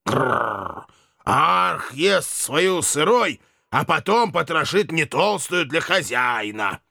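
A man's voice: fairly high pitch, animated, slow, gravelly, pushed and bright, dry recording, studio quality, voice pushed up, exaggerated voice. A man voicing a hungry, simple-minded beast servant who speaks in broken phrases about himself in the third person. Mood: growling. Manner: broken childlike speech, growls, talks of himself in third person. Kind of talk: audiobook character voice.

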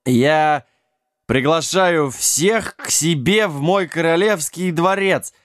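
A man's voice: a little high, slow, fairly bright tone, no room sound, studio quality, pitched above the performer's own voice. A man voicing a drunk, brash, self-styled mad king who talks in swaggering slang. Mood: tipsy swagger.

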